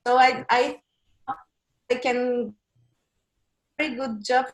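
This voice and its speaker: A woman from Chile and Brazil, a business consultant, is an interview guest on a video call, speaking haltingly as she searches for words. Her voice is fairly high in pitch with a steady tone.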